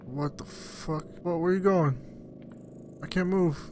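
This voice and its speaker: A man's voice: fairly high pitch, measured pace, a little mellow, slight background noise. A man streaming a live let's-play, reacting with profane, incredulous and sarcastic running commentary. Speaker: game streamer.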